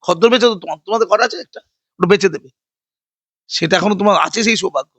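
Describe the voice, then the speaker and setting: A high, quick voice, this older man fires off sarcastic, combative remarks and mocking repetitions. He is an interviewee in a heated political conversation, recorded close and dry. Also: fairly bright tone, no echo.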